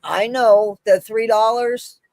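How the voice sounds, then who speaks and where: A woman's voice: a little high, steady tone, slow pace, darkish tone, no echo. A woman chatting casually on a live stream as a channel creator, emphatic and repeating phrases for stress.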